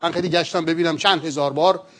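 A man with a fairly high voice teaches a sermon in an earnest, patient way. He explains each point step by step and keeps asking his listeners rhetorical questions. He sounds middle-aged. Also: fairly even intonation. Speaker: pastor.

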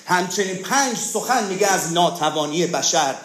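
A man's voice: high-pitched, animated, a bit bright, reverberant. A man preaching a sermon, asking rhetorical questions and calling for amens. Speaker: pastor.

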